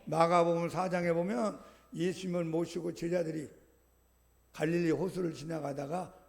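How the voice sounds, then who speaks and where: A man's voice: a little high, vocal fry, a little mellow. A male pastor delivering a Sunday sermon, urging his congregation with emphatic, repeated calls. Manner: emphatic, repetitive exhortation with rising calls.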